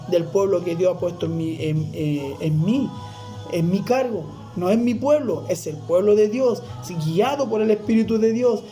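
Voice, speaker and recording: A man's voice: sits high, warm tone. A man preaching a fervent sermon, often calling the listener "brother".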